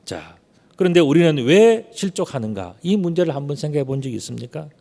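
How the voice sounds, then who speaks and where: Speaking in a relaxed, mellow way, this Gyeongsang-born South Korean pastor delivers a Sunday sermon full of personal storytelling in the church sanctuary. His somewhat high, creaky voice poses rhetorical questions and draws out words to stress them, keeping the tone conversational. Captured by an unmasked mic behind a screen at the pulpit, his words trail off in the hall's long reverb.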